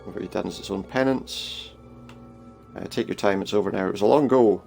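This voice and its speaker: Low, creaky-voiced man commenting on a game. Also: a little fast, darkish tone, faint music behind. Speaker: gaming video host. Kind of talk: casual playthrough commentary, reading game text aloud.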